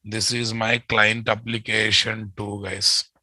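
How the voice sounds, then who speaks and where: A man's voice: lowish voice, level tone, slow, bright, forceful tone, dry recording. A man with a Telugu Indian accent giving an informal programming lecture, repeating phrases and addressing his students directly. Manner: informal, repetitive, addressing students as guys and boss. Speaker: programming teacher.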